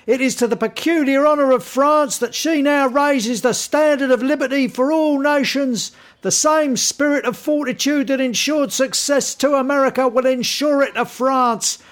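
An actor playing an earnest, high-minded American revolutionary orator, declaiming solemnly and grandly. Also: male voice, a bit bright. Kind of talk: formal oratory in a comic musical.

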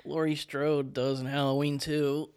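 A man co-hosting a podcast who chats casually about a horror film, mostly with short, low-key replies. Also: little pitch movement, measured pace, darkish tone, clean tone. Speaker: podcast co-host. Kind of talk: casual movie discussion.

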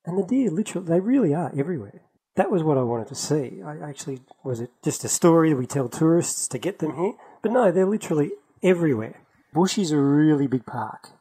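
A man's voice: fairly high pitch, a little fast, breathy edge, rough recording. A man, co-hosting a casual podcast and telling travel stories with a chatty, laughing manner. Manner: chatty, laughs often, lively storytelling. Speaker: podcast co-host. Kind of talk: casual chat. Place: travelling, in London.

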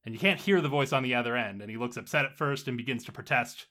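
A man runs a tabletop role-playing game, narrating scenes at an easy pace. His voice is bright and forward, and he often repeats words mid-sentence. His pitch sits in the middle range for a man. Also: fast talker. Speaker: game master.

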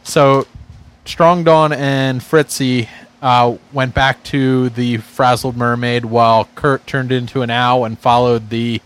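A man giving a casual, unscripted recap on a tabletop game podcast, halting as he searches for words. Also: medium pitch, little pitch movement, clear, resonant tone.

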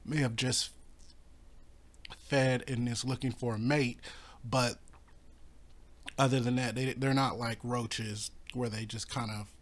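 Man, pest control owner, hoarse and coughing, halting delivery, fillers and restarts. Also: mid-range voice, steady tone. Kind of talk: casual informational talk.

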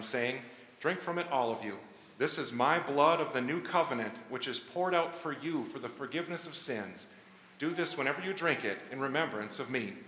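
A man leading liturgical prayer and the communion words in a measured, solemn way, his voice carried by a cathedral-like church echo. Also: mid-range voice, pushed and bright, a little hiss or hum. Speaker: worship leader. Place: church sanctuary. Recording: long church reverb, faint ambience.

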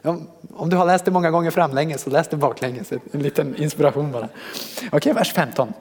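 A man preaching a sermon to a congregation in a lively, conversational way, joking with the listeners. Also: fairly high pitch, breathy edge, big-room sound. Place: church hall.

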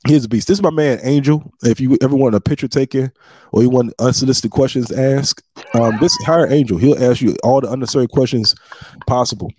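A male podcast host and comedian trading casual, boastful banter. His mid-pitched voice is husky, and he stretches out words for emphasis. The recording is close and dry, with no room sound. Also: fast, dry recording. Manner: boastful, animated trash talk with frequent laughs.

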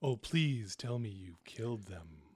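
A man's voice: fairly low pitch, animated, measured pace, husky, no echo, clean studio sound, pitched below the performer's own voice. A man voicing a cruel older male shapeshifting ambassador with a sing-song, lulling voice, smirking and coaxing. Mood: coaxing, gleeful. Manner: smirking, coaxing, gleeful about harm.

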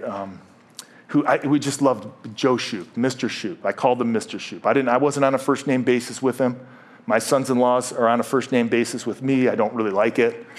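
A middle-aged man preaching a sermon as pastor, joking often and stumbling over repeated words. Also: mid-range voice. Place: church.

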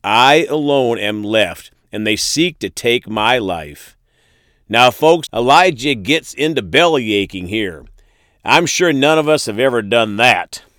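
Guy preaching a sermon real slow, reads the verses then talks to the folks, dry close sound. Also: mid-range voice, expressive, a bit bright, no room sound. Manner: reads verses aloud, then addresses listeners as friends and folks. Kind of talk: sermon with scripture reading.

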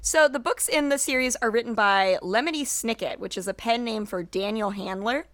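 A woman who teaches first grade, co-hosting a book podcast in casual chat, giggly and animated, with lots of "like". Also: on the high side, normal speed, dry recording.

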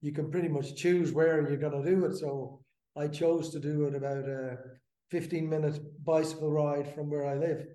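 A man in his fifties from the Netherlands, a brewery co-founder, talking as a podcast guest in a halting, filler-filled way. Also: a little high, little pitch movement, dark tone, reverberant. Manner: halting, many fillers and restarts. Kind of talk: casual interview.

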